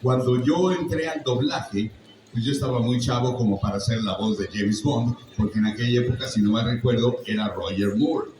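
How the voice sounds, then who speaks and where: A man's voice: medium pitch, moderate pace, a little mellow, a little hiss or hum. An older man with a Mexican accent tells stories to a live audience in a chatty, joking, teaching way. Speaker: voice actor guest on a convention panel. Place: large echoey convention hall. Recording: echoey hall, voice from far off.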